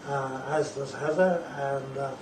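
A man's voice: mid-range voice, fairly even intonation, a little mellow. Older man, echoey room. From England. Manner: unhurried, halting with fillers. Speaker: guest. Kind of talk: casual self-introduction. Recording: echoey room, distant mic, noisy.

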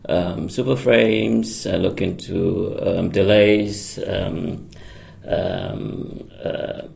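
This Singaporean electronics engineer is a guest on a conversational radio interview, his low, expressive voice stretching words out with vocal fry and a darkish tone. He answers hesitantly, full of ums and restarts, and laughs often.

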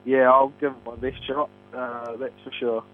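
A man's voice: mid-range voice, flat delivery, normal speed. A man with a Kiwi accent giving a casual interview as a racing driver, hesitant and modest, over a phone. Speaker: stock car driver being interviewed. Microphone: phone call. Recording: tinny phone line with hum.

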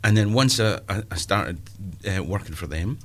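Deep-voiced and animated, this fifty-something comedian from Scotland talks at a moderate pace in a casual interview chat. He pokes fun at himself and keeps slipping in asides.

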